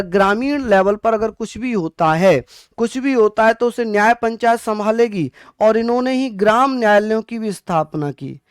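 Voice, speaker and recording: Guy teaching an exam-prep class, smooth clear voice, keeps repeating stuff, asks then answers himself, dry mic. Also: high voice, no echo. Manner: repetitive, addresses students as bhaiya. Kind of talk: online exam-prep lecture.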